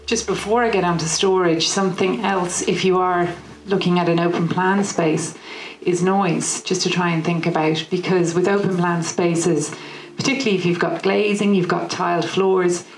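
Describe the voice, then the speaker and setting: A woman's voice: lowish voice, fairly even intonation, normal speed, hardly any pauses. A woman in her thirties with an Irish accent, giving a practical design talk into a handheld microphone in a kitchen showroom, with many "you know" fillers. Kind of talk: presentation to a live audience. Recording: roomy showroom with faint noise.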